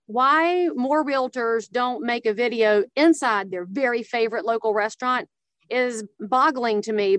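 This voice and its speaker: A woman's voice: a little high, no echo. A woman with a Southern American accent giving conversational coaching in a blunt, folksy, emphatic way. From Southern United States. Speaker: social media coach for realtors, guest.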